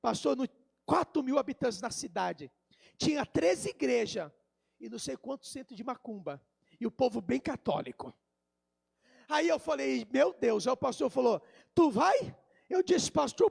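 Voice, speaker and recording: A man with a Brazilian accent preaches in church. His voice sits very high and carries a heavy gravelly fry. He tells his story softly, then climbs into loud, shouted declarations. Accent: Brazilian Portuguese. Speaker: pastor. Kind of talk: Pentecostal sermon.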